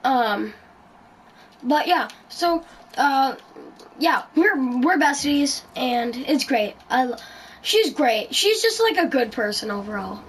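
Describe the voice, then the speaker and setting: A woman's voice: sits high, animated, slow, breathy edge, poor audio. A woman hosting a casual podcast chat, rambling through her story with lots of ums and likes. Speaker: podcast host.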